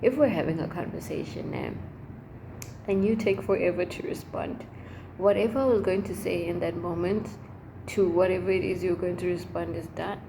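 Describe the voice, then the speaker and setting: Chatty, lowish-voiced young woman with noisy background. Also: normal speed, creaky. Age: young adult. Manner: chatty, rambling, expressive; emphatic, slangy. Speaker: vlogger. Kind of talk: casual chat to camera. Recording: noticeable background noise.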